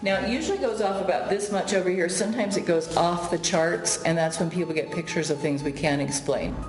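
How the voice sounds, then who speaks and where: A woman's voice: on the low side, brisk. Woman guiding a ghost tour, echoey. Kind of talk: storytelling to a tour group. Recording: echoey room, loud music behind. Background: loud background music.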